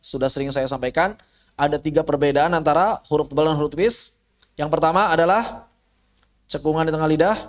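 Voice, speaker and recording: A somewhat high-voiced Indonesian man gives an online tajwid lesson, demonstrating Quran recitation sounds with drawn-out syllables. Casual in manner, he asks and answers his own questions and mutters to himself while fixing his slides.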